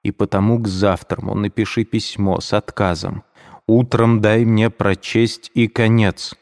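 A man's voice: lowish voice, level tone, unhurried, darkish tone, in a large hall. A man reading a feverish young man's lines, curt, weary and irritable.

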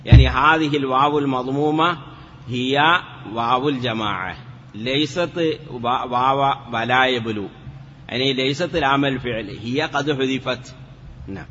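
Brief: male teacher, bright, steady voice, patient step-by-step explaining, dull lo-fi recording in a reverberant hall. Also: medium pitch. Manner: explains step by step, asks the class questions, draws out words slowly. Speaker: teacher of Arabic morphology. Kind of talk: classroom lesson. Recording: lo-fi, hall reverb, faint noise.

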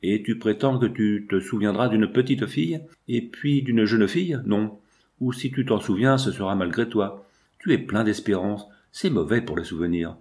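A man's voice: on the low side, normal speed, darkish tone, lightly acted. A man voicing a wounded young woman in a storybook. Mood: bitter.

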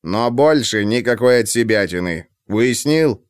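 A furious middle-aged police chief, voiced by a male narrator, hisses curses in a low, pressed voice. His pitch swings widely as he berates a subordinate. The recording is dry and close. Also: expressive, measured pace, clear, resonant tone, no echo, close to an everyday voice. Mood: angry hissing. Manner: hissing, swearing.

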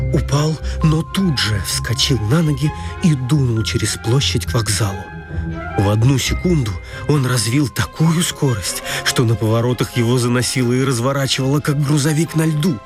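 A man reading an adventure story aloud in a lively storytelling manner. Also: medium pitch. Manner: lively storytelling, voicing every figure. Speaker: narrator.

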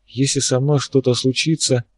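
A man's voice: mid-range voice, little pitch movement, normal speed, natural voice. A man reading an audiobook, voicing a wry, worried young woman scientist in a lightly raised voice with a musing, ironic manner.

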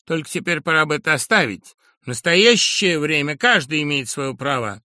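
A man's voice: fairly high pitch, expressive, normal speed, bright, forceful tone, no room sound, clean studio sound. A man putting on a cocky, crude young upstart. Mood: indignant, mocking. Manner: cocky, mocking, aggrieved and insistent. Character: crude brash young man, newly made from a dog. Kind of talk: audiobook character reading.

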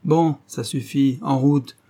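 A man's voice: medium pitch, steady tone, slow, dark tone, pitched above the performer's own voice. A man doing a brusque Parisian policeman. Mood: curt. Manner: curt, commanding. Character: brusque male policeman making an arrest.

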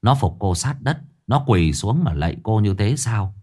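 A man narrating a spooky folk tale in an expressive, lively way. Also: lowish voice, moderate pace, husky. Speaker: storyteller.

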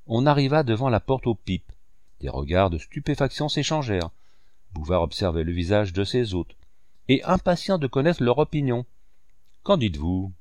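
Low-voiced man reading a novel. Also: no echo. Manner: measured, expressive literary reading. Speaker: narrator. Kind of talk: audiobook reading of a classic novel.

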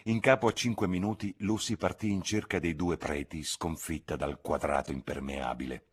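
A man from Italy narrates a classic novel as an audiobook reader. His voice is deep and husky, and his delivery measured and expressive. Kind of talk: literary narration.

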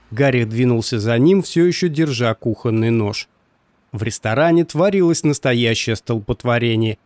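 A man narrating an audiobook story in a steady, measured reading. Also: medium pitch, no echo.

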